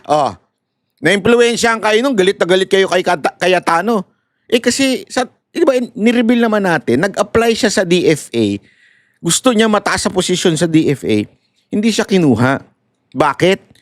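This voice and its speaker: A man's voice: high-pitched, no echo. A man giving mocking political commentary to viewers, switching between languages and laughing often. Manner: animated and mocking, mixing Tagalog and English, laughing often. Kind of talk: live commentary addressing viewers.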